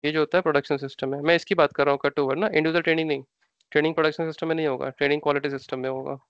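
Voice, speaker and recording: A man's voice: on the high side, steady tone, racing, clear, resonant tone, no room sound, muffled recording. A man with an Indian accent, an instructor explaining ideas step by step in a live online class, repeating terms and asking rhetorical questions. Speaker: SAP training instructor.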